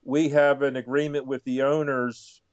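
A man giving explanatory answers as an author guest on a radio show, halting and deliberate. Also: medium pitch, flat delivery, no echo. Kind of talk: casual explanatory interview answers. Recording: dull dry lo-fi feed.

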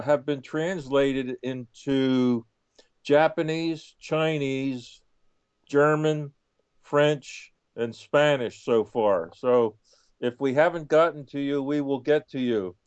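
A man giving explanatory answers as an author guest on a radio show, halting and deliberate. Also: medium pitch, a little mellow, clean tone, no echo. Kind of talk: casual explanatory interview answers. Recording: dull dry lo-fi feed.

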